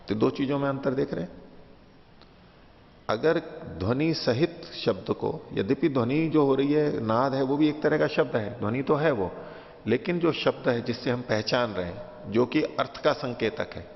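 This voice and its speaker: Working through a philosophical text point by point, a man teaches his class patiently, restating each idea with simple examples. His voice is medium-pitched and gravelly, heard through a muffled recording with long hall reverb.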